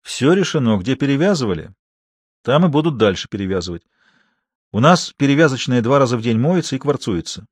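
A man's voice: mid-range voice, big pitch swings, fairly quick, slightly rough, no echo, clean studio sound. A man reading aloud, voicing a curt, matter-of-fact trauma doctor.

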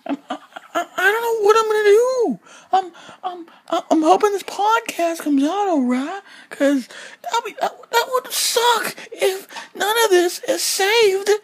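Speaking unhurriedly in an extremely high-pitched voice, a man runs a solo podcast after going nearly a full day without sleep. He meanders in circles, repeats himself and swears in a casual way.

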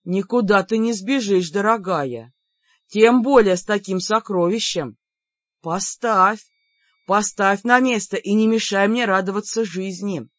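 A woman's voice: mid-range voice, dry recording, dull audio, lightly acted. A woman doing a purring greedy young brother. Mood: coaxing. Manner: purring, drawn-out coaxing. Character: young man, greedy sweet tooth, teasing brother. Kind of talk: audiobook character voice.

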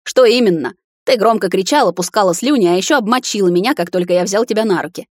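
A woman's voice: medium pitch, fast, no room sound, studio quality, lightly acted. A woman voicing a young prince who teases his younger sister and then comforts her, in an audiobook reading. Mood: teasing. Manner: bantering, then soothing. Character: teasing, protective young prince, older brother.

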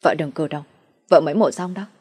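A woman's voice: low voice, fairly quick, a little mellow, breathy edge. Woman reading a pleading young husband.

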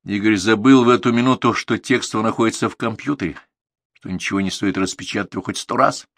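Husky, low-voiced male audiobook reader. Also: fast, fairly bright tone, no echo, studio quality. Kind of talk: scripted narration.

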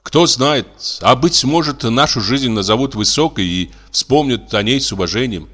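A man's voice: medium pitch, lively intonation, moderate pace, a bit bright. A man reading a play aloud, voicing an idealistic young baron who speaks earnestly.

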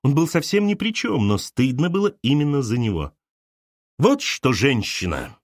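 Lively man reading an audiobook. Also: on the high side, brisk, dry recording, clean studio sound. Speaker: audiobook narrator.

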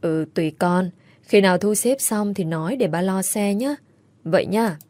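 A woman reading a gentle sorrowful old father. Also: medium pitch, normal speed, no room sound, close to an everyday voice. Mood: reassuring.

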